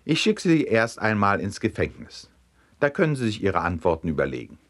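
A strict middle-aged judge who blusters and scolds, his voice climbing well above the teller's low register as a man puts him on. He swings his pitch about widely, loud and cross. This is a spoken storybook anecdote. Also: very animated, brisk. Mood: mocking. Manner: strict, blustering, then mockingly friendly. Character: stern irritable male judge, middle-aged.

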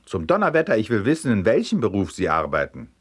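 A strict middle-aged judge who blusters and scolds, his voice climbing well above the teller's low register as a man puts him on. He swings his pitch about widely, loud and cross. This is a spoken storybook anecdote. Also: very animated, normal speed. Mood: stern. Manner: strict, blustering, then mockingly friendly. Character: stern irritable male judge, middle-aged.

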